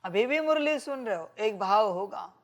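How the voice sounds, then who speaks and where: A woman's voice: medium pitch, lively intonation, moderate pace. A woman giving a spiritual discourse as a teacher, admonishing her listeners and calling them children.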